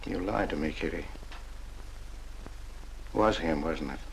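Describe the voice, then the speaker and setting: An actor playing a meek, lovesick older man who stammers and pleads gently, in 1940s film acting on an old soundtrack. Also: rumbling low, slow pace, creaky, slight background noise, heavily acted, rough recording. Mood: pleading.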